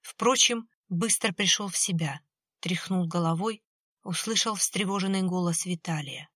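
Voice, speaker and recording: A woman narrating an audiobook in a measured, suspenseful reading. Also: on the low side, a bit bright, dry recording.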